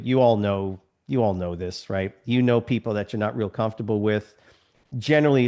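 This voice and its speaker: A man teaches a class over a video call and keeps checking that everyone follows. He often acts out short little scenes. His pitch jumps around a lot. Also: darkish tone. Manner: acts out little scenes with other people's voices. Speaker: instructor. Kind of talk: live online lecture.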